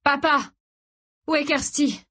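Frantic young man, put on by a female narrator: high, pleading cries, desperate. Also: steady tone, slow, exaggerated voice. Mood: panicked shouting. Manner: shouting desperately, sobbing pleas. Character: frantic young man, son losing his father.

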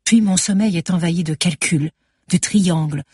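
A woman's voice: on the low side, normal speed, a little mellow, slightly rough, no room sound, clean studio sound. A woman narrating a first-person novel with a wry, sardonic tone. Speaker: audiobook narrator.

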